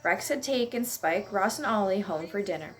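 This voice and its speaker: A woman reading a children's picture book aloud at home, in a gentle, lively read-aloud voice. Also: mid-range voice, moderate pace. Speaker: storyteller. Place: at home on a couch.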